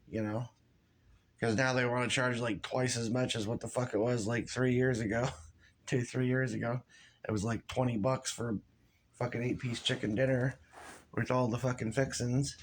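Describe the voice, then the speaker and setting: Rambling, foul-mouthed guy venting into his camera in an everyday mid-range voice. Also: medium pitch. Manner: profane, rambling, loose and frustrated. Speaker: vlogger. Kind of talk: casual rant to camera.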